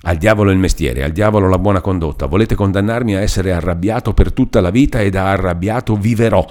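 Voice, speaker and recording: A man's voice: sits low, normal speed, a little mellow, close to an everyday voice. A man reading aloud voices a hurt, stubborn young man who speaks in an impassioned, reproachful way.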